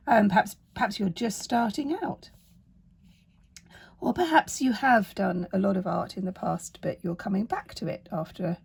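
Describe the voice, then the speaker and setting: A woman in her fifties with a croaky voice, tired and under the weather, giving a casual doodle tutorial in a gentle, rambling, hesitant manner. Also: mid-range voice. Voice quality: croaky, husky voice. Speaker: artist and art teacher giving a tutorial.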